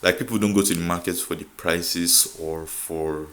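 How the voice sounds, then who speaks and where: A man's voice: low voice, fairly even intonation, normal speed, fairly bright tone. A young man from Nigeria with a Nigerian accent, chatting casually to camera, laughing often and filling with "like". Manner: laughs often, code-switches, repeats filler "like". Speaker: vlogger.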